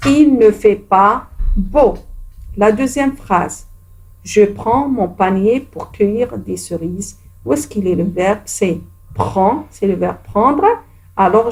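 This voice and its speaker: A woman's voice: medium pitch, a little mellow. A woman teacher giving a grammar lesson to children, patient and encouraging, speaking to her pupils directly.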